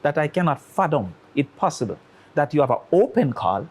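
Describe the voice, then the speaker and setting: A Jamaican-accented man speaks fairly quickly in a higher, sing-song voice. As a guest on a talk show, he offers opinionated commentary and makes his points with analogies and rhetorical questions.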